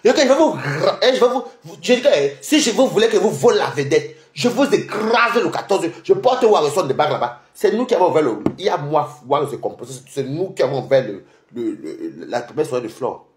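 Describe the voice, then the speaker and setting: Young male streamer, mocking and combative, pitch swinging widely, echoey room. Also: very animated, slight background noise. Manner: taunting, mocking, rapid-fire. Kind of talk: heated livestream rant.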